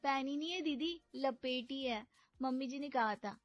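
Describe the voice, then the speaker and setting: A woman's voice: sits high, a little slow, dry recording. A woman voicing a naive, literal-minded young bride who talks in a sweet, innocent, chatty way in a cartoon story. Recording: slightly dull audio with background music.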